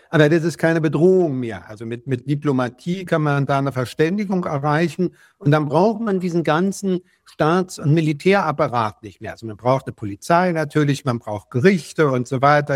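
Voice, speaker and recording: An older man from West Berlin answering interview questions at length, measured and often repeating words as he searches for them. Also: a little high, no echo, clean studio sound. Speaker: guest.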